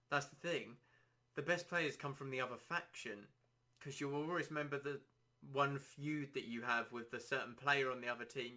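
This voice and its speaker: Bright-voiced man rambling about gaming. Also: medium pitch. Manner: rambling, self-deprecating, easygoing. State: dry throat, slightly hoarse. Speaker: podcast host. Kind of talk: casual solo podcast chat.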